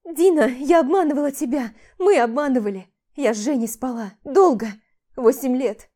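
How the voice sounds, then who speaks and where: A woman's voice: sits high, measured pace, mellow, pitched above the performer's own voice. A woman voicing a tearful, guilt-ridden young woman. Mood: tearful confession. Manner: sobbing, pleading, overwrought. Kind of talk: audiobook character voice.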